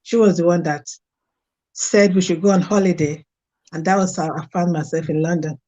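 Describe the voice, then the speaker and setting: A warm, lowish voice with fairly even intonation and normal speed belongs to a middle-aged woman from Nigeria with a Nigerian accent. As an interview guest, she gives a frank account of her life. The recording has a dull, lo-fi sound.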